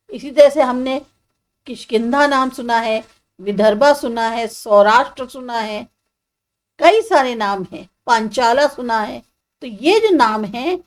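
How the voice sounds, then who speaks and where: A woman teacher with a fairly high voice explains a social science textbook chapter step by step, mixing in English terms and asking her students questions.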